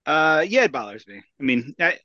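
A man's voice: a little high, very animated, moderate pace, pushed and bright, no echo, muffled recording. A man from the American South chatting on a podcast in an easygoing, hesitant way. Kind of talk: casual podcast chat.

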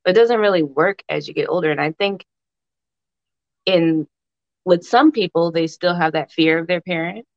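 A woman in casual discussion, explaining her points in a measured, conversational way. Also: on the low side. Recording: echoey room, slightly muffled sound.

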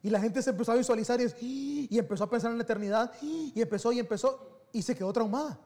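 A man giving a sermon as pastor, telling personal stories in an animated, conversational way that swings between soft and loud. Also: very high-pitched, quick pace, creaky.

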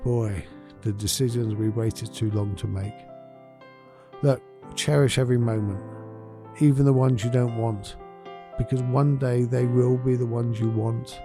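A man hosting a podcast, talking in an earnest, gentle and encouraging way about life's small moments. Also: medium pitch, fairly even intonation, a little slow, over music. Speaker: podcast host. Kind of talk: reflective motivational podcast talk.

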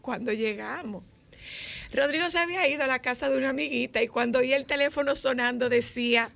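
A woman with a Dominican accent, hosting a casual chat and telling lively stories, acting out the dialogue. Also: high-pitched, quick pace, gravelly. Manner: lively storyteller, acts out dialogue.

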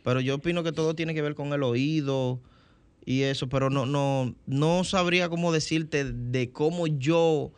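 A man's voice: fairly high pitch, measured pace, smooth, no room sound. A man being interviewed as a voice actor, answering casually and hesitantly, often repeating words. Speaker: voice actor guest.

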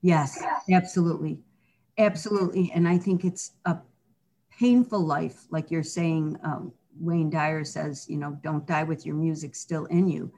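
In a candid personal interview, a middle-aged female guest talks earnestly and reflectively, with frequent restarts and plenty of "you know." Her voice is low, warm and fairly even, a little slow.

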